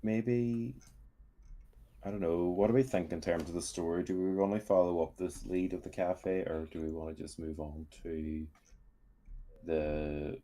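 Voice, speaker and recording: A man's voice: low-pitched, little pitch movement, unhurried, warm tone. A man playing a tabletop game, musing aloud with many hesitations and fillers. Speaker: player. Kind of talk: casual tabletop game chat.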